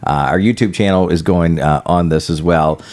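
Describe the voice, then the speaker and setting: A man hosting a casual morning radio interview in a studio, chatty and stumbling over his words, quick to laugh. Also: deep voice, a little mellow. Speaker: radio host.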